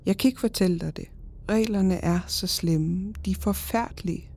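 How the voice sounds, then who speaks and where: A woman voicing a frightened young boy who pleads in a hushed voice in a read-aloud horror story. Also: mid-range voice, soft background music, close to an everyday voice. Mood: pleading.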